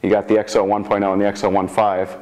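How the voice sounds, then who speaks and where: Low, even-toned young man, halting delivery. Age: 20s. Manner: halting, frequently rephrasing mid-sentence. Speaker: computer science student developer. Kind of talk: informal interview about a project.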